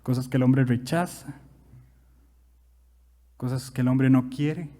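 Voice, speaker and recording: A young man with a Costa Rican accent preaching a sermon as pastor, animated, with big swings in loudness and rhetorical questions. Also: medium pitch, takes it slowly, long reverb tail. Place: church.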